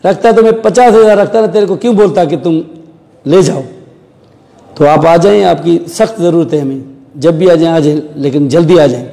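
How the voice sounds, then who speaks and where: A man's voice: on the high side, moderate pace, gravelly, dark tone, big-room sound, poor audio. A man recounting events in a news interview, acting out the dialogue he quotes in a storytelling way.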